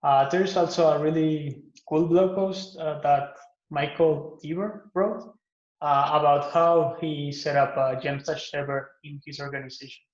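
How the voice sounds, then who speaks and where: A man's voice: fairly high pitch, a little slow. Man from Guatemala in an echoey room. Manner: relaxed, with frequent "uh" and "um" fillers and self-repairs. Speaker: open source maintainer giving a project pitch. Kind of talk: recorded conference pitch talk. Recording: echoey, muffled lo-fi room recording.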